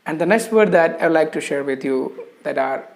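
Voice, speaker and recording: The speaker has an Indian English accent and a voice with noticeable vocal fry. They teach in a didactic manner, repeating key words and phrases as they explain pronunciation. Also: mid-range voice, lively intonation, a little fast. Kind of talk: spoken lesson.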